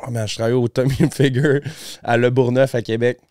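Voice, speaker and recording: A man's voice: mid-range voice, flat delivery, a little fast, a little mellow, no room sound, studio quality. A young man with a Québécois accent, a podcast guest, telling a story in a laid-back way and laughing along. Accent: Québécois French. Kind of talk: casual storytelling.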